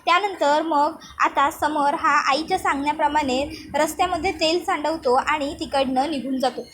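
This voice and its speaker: A woman narrating a TV serial recap in a brisk, conversational storytelling manner. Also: high-pitched, fairly bright tone, a little hiss or hum. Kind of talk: casual narration of a serial episode.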